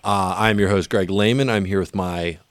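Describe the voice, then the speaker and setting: A man with a low voice hosts a podcast out in an open natural area. His talk is laid-back and slangy, and the sound is dry, with no room echo. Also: fairly even intonation, normal speed, clear, resonant tone. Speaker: podcast host. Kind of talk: casual podcast chat.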